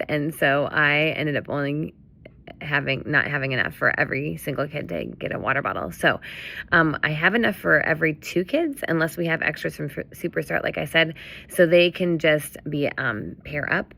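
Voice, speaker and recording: Woman, low gravelly voice, bright tone, casual ministry instructions, chatty with fillers. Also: normal speed. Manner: chatty, many fillers and self-corrections. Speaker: children's ministry leader.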